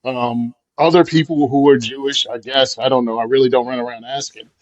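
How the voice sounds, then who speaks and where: A man's voice: mid-range voice, fairly even intonation, a little fast, darkish tone, no room sound, highs cut off. A man co-hosting a podcast, talking bluntly and emphatically, sometimes thinking aloud with a little laugh. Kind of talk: casual podcast chat.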